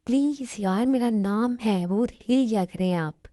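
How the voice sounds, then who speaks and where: A woman's voice: a little high, unhurried, warm tone, no echo, clean studio sound, lightly acted. A woman voicing a patient young husband in an amateur Hindi dubbed drama, speaking in a pleading, soothing way.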